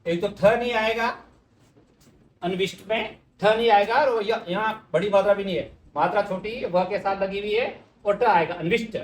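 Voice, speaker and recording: A man's voice: high voice, moderate pace. A man teaching a Hindi spelling lesson for exam students, explaining each word and speaking to the students directly. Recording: echoey room, mic at a distance.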